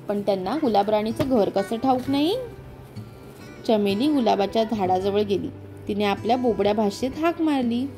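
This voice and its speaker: A woman's voice: mid-range voice, vocal fry, a little mellow. A woman narrating a children's story, reading aloud expressively.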